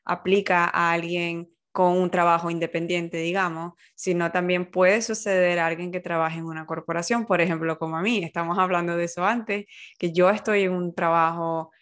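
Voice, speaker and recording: A woman with a slightly low voice talks in an easygoing conversation. She thinks as she goes, pausing on fillers to find her words. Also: steady tone, a bit bright. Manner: thoughtful, searches for words with fillers. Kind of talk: casual conversational chat. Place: working from home.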